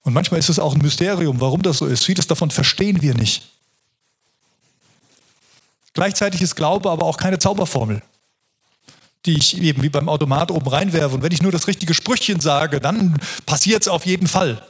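A male preacher delivering a sermon in an earnest, reflective tone. His voice is slightly husky and sits a little high. He often breaks off and restarts his sentences. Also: brisk.

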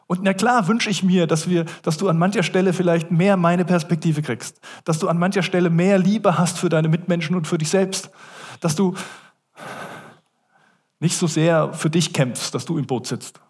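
A man's voice: high voice, moderate pace, slightly rough. A man preaching a sermon as a pastor, speaking earnestly and addressing listeners directly.

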